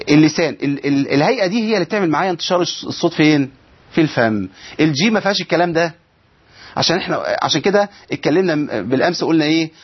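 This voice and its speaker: A man's voice: fairly high pitch, husky. A man with an Egyptian Arabic accent teaching a tajweed lesson, asking the class questions and answering them himself while drawing out sounds to show how letters are made. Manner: stretches out sounds to demonstrate letters. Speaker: Quran recitation teacher. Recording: dull lo-fi sound.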